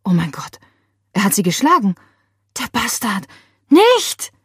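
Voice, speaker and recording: A woman's voice: mid-range voice, animated, normal speed, fairly bright tone, slightly rough, no room sound, studio quality. A woman voicing a frightened young woman who stammers and gasps through the shock of seeing a murder. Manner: breathless, stammering under shock.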